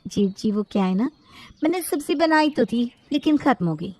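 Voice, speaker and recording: A woman voicing a sarcastic, dismissive young sister-in-law in an animated storybook. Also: a little high, moderate pace, dry recording, voice pushed up. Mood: mock-polite.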